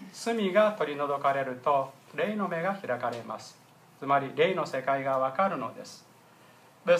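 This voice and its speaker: A man's voice: a little high, a bit bright, a little hiss or hum. A man pastor preaching an earnest, emphatic sermon and stopping often to address the congregation directly. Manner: earnest, emphatic preaching with frequent ですね fillers.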